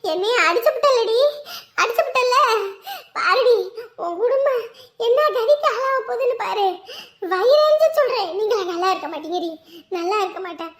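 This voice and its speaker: A shrill, cursing older aunt. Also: female voice, fast, reverberant. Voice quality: shrill, cursing, laughing bitterly. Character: bitter older woman cursing her relatives. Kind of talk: Tamil family drama acting.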